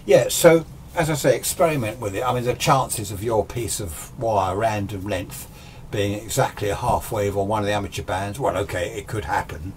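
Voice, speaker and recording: With a lowish voice at a moderate pace and hardly any pauses, a British amateur radio enthusiast in his sixties rambles through an informal technical explanation, often self-deprecating. The setting is a small indoor home radio workshop, and background noise stays steady throughout.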